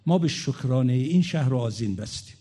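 A man's voice: mid-range voice, animated, mellow. A man preaching a religious sermon, telling a story dramatically, voicing the people in it and sliding into chanted lament.

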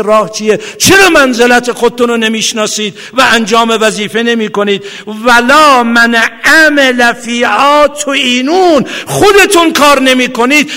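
A man delivers a fervent religious sermon in a high, bright voice. He chants Arabic quotations slowly and then pushes into impassioned appeals. His voice carries a long reverb from a large hall. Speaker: preacher. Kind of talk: Muharram sermon.

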